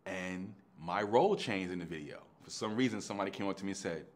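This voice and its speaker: A middle-aged man, an actor telling his own story in a lively way. He acts out the dialogue in street slang and swings between hushed and loud delivery. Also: low-pitched, fast talker. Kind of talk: animated anecdotal storytelling.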